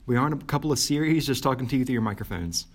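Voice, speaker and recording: A man's voice: mid-range voice, very fast. A young Southern man from Mississippi co-hosting a podcast, loose and joking, often breaking into laughter. His voice sits mid-range for a man. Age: young adult. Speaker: podcast co-host. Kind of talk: casual chat.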